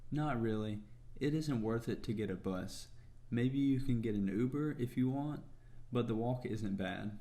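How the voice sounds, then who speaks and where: A man playing a helpful passer-by who gives street directions, in a calm, plain scripted practice dialogue. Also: mid-range voice, takes it slowly.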